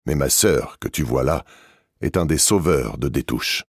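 A man reading an audiobook, voicing an older abbé in an ironic, measured tone. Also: very deep voice, husky, no echo, studio quality, heavily acted.

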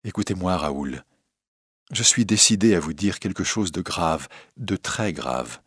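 Brief: anxious young woman singer, tense and pleading, read by a low-voiced man. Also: lively intonation, a little slow, a bit bright, husky, no echo, studio quality, full character voice. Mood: earnest.

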